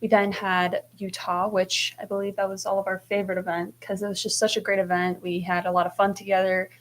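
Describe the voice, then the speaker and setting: A woman's voice: mid-range voice, flat delivery, brisk. A woman in her twenties, a senior team captain, answering interview questions in an earnest, upbeat way. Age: 20s. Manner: earnest, upbeat, repeats praise for teammates.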